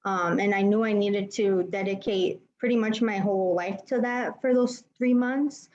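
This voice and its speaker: A woman's voice: mid-range voice, fairly even intonation, normal speed, a little mellow. A woman on a career panel speaking candidly, with short laughs between her points. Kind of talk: online panel talk. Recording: dull lo-fi audio.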